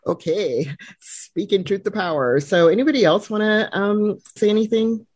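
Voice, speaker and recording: Soft-spoken woman leading a discussion. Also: mid-range voice, measured pace, no echo, clean studio sound. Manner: soft-spoken, laughs often. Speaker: discussion facilitator. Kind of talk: reflective group discussion.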